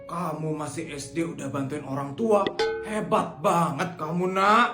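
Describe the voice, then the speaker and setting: A man voicing a kind, poor man who speaks softly and sympathetically in a comedy sketch voice-over. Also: fairly high pitch, steady tone, measured pace, close to an everyday voice. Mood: sympathetic. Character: kind-hearted poor man, soft and pitying. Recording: echoey with loud background music.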